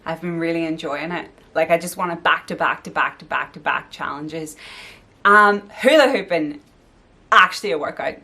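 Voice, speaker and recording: A woman's voice: low-pitched, moderate pace, bright, forceful tone, recorded from a distance. Chatty young woman, echoey room. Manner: chatty, filler-heavy, explaining moves as she goes. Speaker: vlogger. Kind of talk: casual fitness vlog talk.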